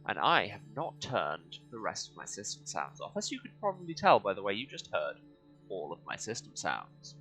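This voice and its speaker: A man's voice: fairly low pitch, wildly swooping pitch, moderate pace, low-quality recording. A man giving casual, off-the-cuff gameplay commentary as the host of a playthrough. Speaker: let's play host. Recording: loud game music behind the voice. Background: game music.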